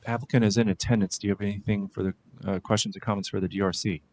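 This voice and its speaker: A man chairing a city committee meeting, calling on departments in brisk procedural turns. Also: lowish voice, fairly even intonation, a little mellow, slight background noise. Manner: brisk procedural roll calls.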